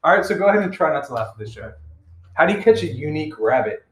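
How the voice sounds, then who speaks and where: Young guy hosting a podcast, kinda high voice, rambly and jokey, echoey room. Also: sing-song, fast talker. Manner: rambling, filler-heavy, playful. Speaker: podcast host. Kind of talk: casual chat.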